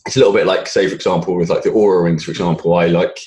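A man's voice: low voice, steady tone, very fast, darkish tone. A man hosting a fitness podcast, chatting casually and encouragingly, with frequent qualifying asides. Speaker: podcast host, fitness coach. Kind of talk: casual interview chat.

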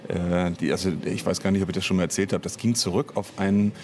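A man with a low, darkish voice talks fast and flatly over slight background noise. He is an audio drama author and director appearing as an interview guest, chatting casually and explaining at length while searching for words.

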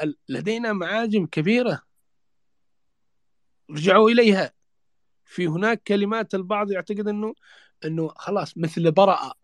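A man's voice: high voice, dry recording, clean studio sound. A man lecturing with emphasis on old Arabian words and inscriptions, using repeated rhetorical refrains. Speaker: speaker on Yemeni history. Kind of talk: impassioned talk in an online voice chat.

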